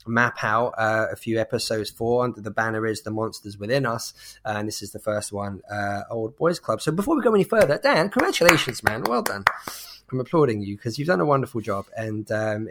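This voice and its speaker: A man's voice: medium pitch, a bit bright. A man hosting a podcast over a video call, chatting casually with frequent laughs and restarts. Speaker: podcast host.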